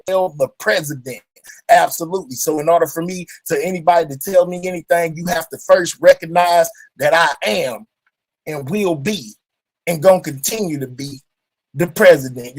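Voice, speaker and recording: A high-pitched man with a drawl hosts a livestream in a mock-presidential tone. He is boastful and defiant and keeps repeating himself. The sound is dry and close. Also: darkish tone, no room sound. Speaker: livestream host.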